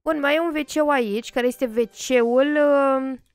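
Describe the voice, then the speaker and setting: A woman hosting a gaming channel, chatting casually and playfully while exploring a game, with excited exclamations. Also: high-pitched, no room sound. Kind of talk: casual gameplay chat.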